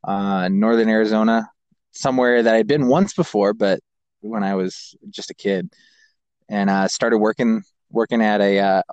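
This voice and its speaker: With a lowish voice captured in dull audio with no room sound, a man in his 20s tells relaxed personal stories during a podcast interview. He is an American who was raised in Kazakhstan and Japan.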